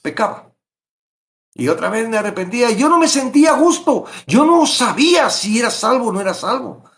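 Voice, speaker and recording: Man, middle-aged, Bible study teacher, emphatic, repeats words, very animated delivery. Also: extremely high pitch, fairly quick. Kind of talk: verse-by-verse Bible study with personal testimony.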